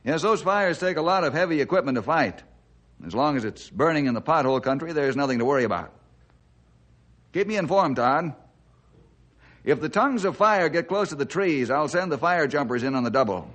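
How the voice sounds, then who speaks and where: A man with a fairly high, brisk voice plays an upright, steady forest ranger in an old-time radio adventure. He sounds earnest and authoritative, with a calm, businesslike mood.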